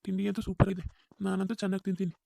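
A jolly, food-loving father-in-law in a cartoon, voiced by a man. He gloats and teases in a raised, gravelly voice at a breakneck pace, with a faint hiss underneath. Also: sits high, monotone, very fast, warm tone, no echo. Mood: gloating. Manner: gloating, teasing.

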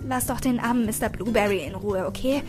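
A woman's voice: fairly high pitch, a little fast, over music, lightly acted. A woman doing a dry, grumpy shop woman. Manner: dry and grumbling. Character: grumpy, dry café woman, sensible and curt.

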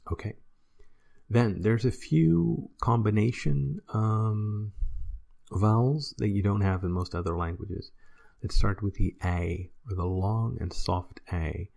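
Low, gravelly man; patient pronunciation teacher. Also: slow pace, darkish tone. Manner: patient, demonstrates sounds by repeating words. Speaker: Dutch language teacher. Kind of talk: pronunciation lesson.

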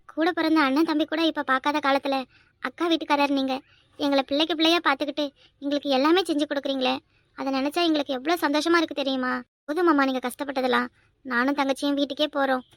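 A woman's voice: extremely high pitch, fast, bright, forceful tone, dry recording. A woman voicing a cheeky, earnest young village girl in a cartoon, with a Kanyakumari Tamil accent. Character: young unmarried village girl, spirited and fond.

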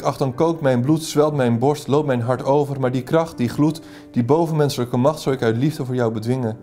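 A man's voice: medium pitch, dark tone, lightly acted. A man reading as an ardent young lover. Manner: earnest reading of a passionate speech.

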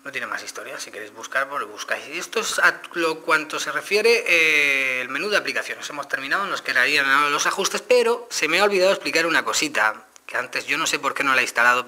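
Speaking straight to his audience, this Spanish-accented man (from Spain) reviews a phone in a relaxed demo, explaining every step as he goes. His mid-range voice has a sharp edge.

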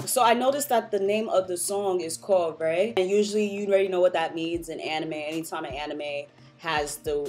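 A young woman talks through a reaction video in a casual, slangy way. Her voice is mid-pitched and she addresses viewers directly, with music in the recording. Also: a little mellow. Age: young adult. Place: small room at home, indoors.

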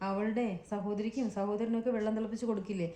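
A woman voicing a stern middle-aged mother who scolds with sharp, reproachful questions. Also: mid-range voice, fairly even intonation, fast, roomy sound, close to an everyday voice. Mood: scolding.

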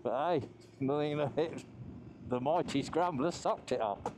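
A man's voice: on the high side, a little slow, background noise. A man riding a motorbike on mountain roads, chatting casually through a helmet mic, laughing often and swearing easily. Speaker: motorcycle vlogger. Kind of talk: casual ride commentary.

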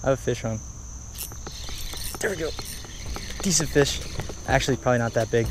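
A man in his twenties chatting excitedly to viewers on an outdoor fishing vlog, slangy and upbeat, recorded on an action camera by a pond. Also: medium pitch, moderate pace, noisy background. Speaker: fishing vlogger. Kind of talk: casual outdoor vlog commentary. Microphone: action camera, head-mounted and handheld.

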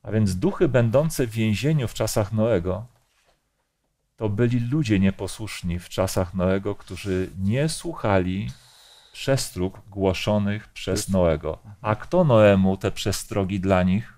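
A man's voice: lowish voice, a little slow, a little mellow. A man leading a Bible study discussion, explaining passages and asking the group questions.

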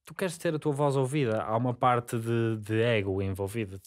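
A man's voice: mid-range voice, moderate pace. A man, hosting a podcast and pressing his guest with follow-up questions. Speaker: podcast host. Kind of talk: casual interview questioning. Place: small studio with acoustic foam. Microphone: desk mic on boom arm.

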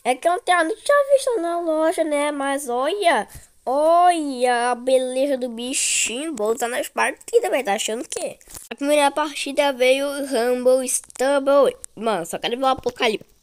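A young woman with a Brazilian Portuguese accent gives excited, chatty gameplay commentary full of slang and exclamations. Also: high-pitched, normal speed, dry recording. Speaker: gaming video creator.

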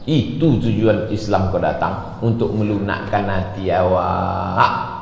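A man's voice: low voice, slow pace, creaky, lo-fi sound. Man, folksy humorous preacher, dawn sermon, long reverb of a large hall, faint background noise. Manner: folksy, humorous, acts out quoted people in a raised voice. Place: mosque hall.

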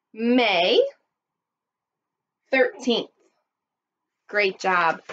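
A woman's voice: mid-range voice, fairly bright tone, a little hiss or hum. A woman in her thirties teaching young children in a kids show host manner, prompting them and counting along. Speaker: elementary school teacher. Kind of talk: math lesson for young children. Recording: dull lo-fi webcam sound.

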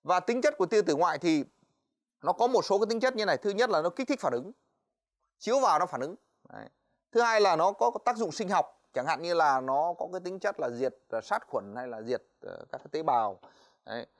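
A man teaching physics in a televised exam-review lesson, talking to students in a chatty way with many fillers and quick checks for understanding. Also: fairly high pitch, lively intonation. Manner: quick, chatty, stops often on "đấy" and "ờ"; addresses students directly, asks "right?".

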